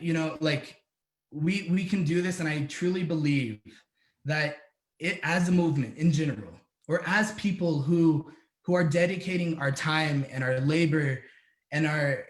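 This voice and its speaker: A man's voice: on the high side, roomy sound. A man from the United States, an activist organizer speaking earnestly on a panel, with many restarts and fillers. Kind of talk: casual panel talk.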